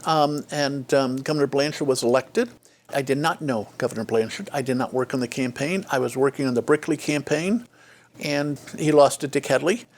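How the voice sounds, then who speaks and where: Speaking at normal speed with a medium-pitched voice, an older former state official shares memories of his working life as an interview guest. He keeps restarting and filling pauses, and he voices quoted dialogue as if acting it out.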